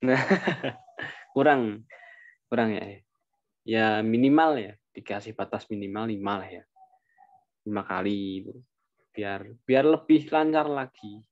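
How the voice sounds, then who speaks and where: A young man answering questions in a webinar, speaking in a relaxed, informal way with plenty of fillers and asides. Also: on the low side, unhurried, pauses often, no echo, dull audio. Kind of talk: casual Q&A mentoring.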